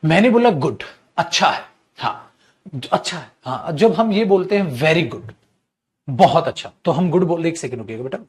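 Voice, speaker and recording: A man with a Hindi accent teaching an English grammar class online, explaining slowly and asking and answering his own questions. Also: a little high, animated.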